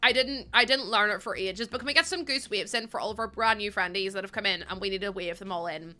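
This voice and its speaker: Talking fast in a mid-range voice, a woman livestreams and chats casually with her audience. She laughs a lot and warmly welcomes people in the chat.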